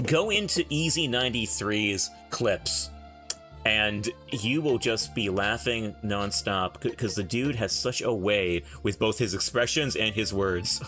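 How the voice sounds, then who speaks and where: A young man streaming a game, chatting casually with his chat, excitable and quick to laugh, often restarting his sentences. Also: fairly low pitch. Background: faint game music.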